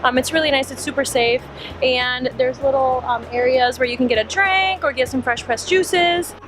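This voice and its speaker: A woman's voice: high voice, moderate pace, fairly bright tone, a little hiss or hum. A young woman from Cuba, chatty and upbeat, talking through a casual travel vlog outdoors in a beach town. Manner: chatty, upbeat, many fillers. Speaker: vlogger.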